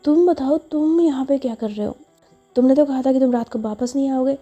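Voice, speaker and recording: A woman's voice: high-pitched, fairly quick, warm tone, highs cut off, soft background music, pitched above the performer's own voice. A woman voicing a bold, lovestruck young woman who coaxes and boasts. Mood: eager.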